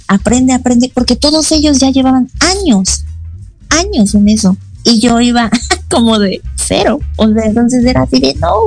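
A woman's voice: medium pitch, darkish tone, breathy edge, poor audio. A woman, a guest chef in a casual radio interview, telling chatty stories and acting out what others said. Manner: chatty storytelling, acting out quoted voices.

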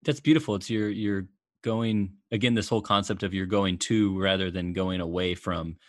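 A man hosting a casual interview, reflective and measured as he draws out his questions. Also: sits low, fairly even intonation, no room sound, clean studio sound. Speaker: podcast host.

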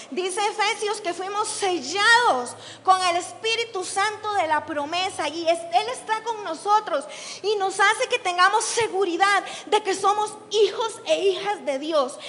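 High, bright-voiced woman preaching. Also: big-room sound. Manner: blunt, teasing, fires rhetorical questions at the congregation. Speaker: lay leader in charge of the church. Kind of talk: sermon. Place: church hall.

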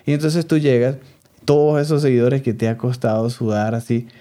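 Venezuelan guy in his 30s chatting on a podcast, warm low tone, acts out what people say. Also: moderate pace. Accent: Venezuelan Spanish. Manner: animated storytelling, acts out quoted voices. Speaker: podcast co-host. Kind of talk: casual chat.

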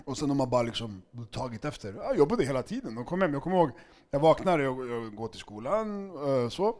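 Guy on a podcast, gets loud and laughy then goes all quiet, super animated. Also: mid-range voice. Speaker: podcast guest. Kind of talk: casual chat.

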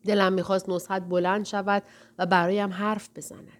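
A woman reading a first-person novel aloud in a quiet, reflective way. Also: mid-range voice, flat delivery. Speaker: narrator. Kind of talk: audiobook narration.

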